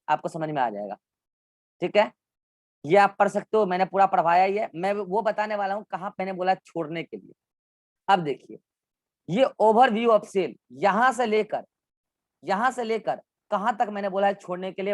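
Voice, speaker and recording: A man's voice: sits high, dry recording, studio quality. A male biology teacher giving an online class in with English science terms, walking students through textbook diagrams and repeating instructions.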